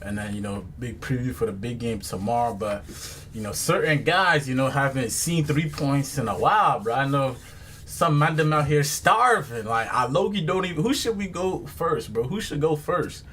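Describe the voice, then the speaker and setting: A man's voice: medium pitch, moderate pace, a bit bright. Slangy male podcast host over noisy background. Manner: heavy urban slang, mandem and bro. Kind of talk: casual football podcast banter.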